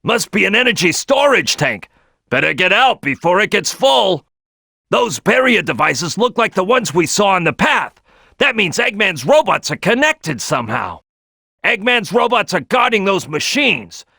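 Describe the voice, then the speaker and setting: A brash crocodile detective from a cartoonish video game. The voice is high for a male and swings wildly up and down. It is bossy, cocky and streetwise, with a forceful bark. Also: very animated, normal speed, creaky, no echo, clean studio sound, exaggerated voice. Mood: watchful, bossy. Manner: boisterous, cocky, streetwise, barking. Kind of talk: animated video game character acting.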